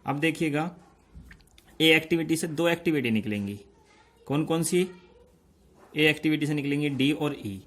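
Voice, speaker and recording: A man giving a step-by-step lesson, explaining slowly and checking in often with his listeners. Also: a little high, a bit bright. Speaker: teacher. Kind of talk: step-by-step lecture.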